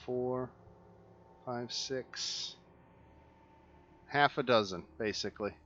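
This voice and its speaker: Slow, measured male dungeon master. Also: medium pitch, a bit bright, highs cut off, a little hiss or hum. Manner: slow, measured explanations with fillers. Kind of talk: running an online tabletop game.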